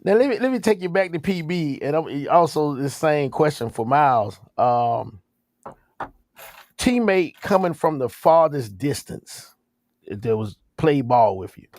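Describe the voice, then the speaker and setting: A man's voice: on the high side, expressive, a little slow, a little mellow, no echo, studio quality. A man interviewing a guest in casual chat, informal, dropping in short affirmations. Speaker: interviewer, show host.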